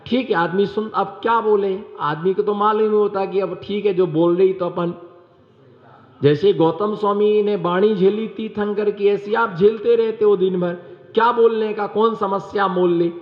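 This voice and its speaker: A monk preaching in a high voice and telling stories. He keeps throwing rhetorical questions at his listeners. The sound is dull and rings with a long hall echo. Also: steady tone, moderate pace. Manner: rhetorical questions to the audience, repeats phrases. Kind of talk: sermon with storytelling.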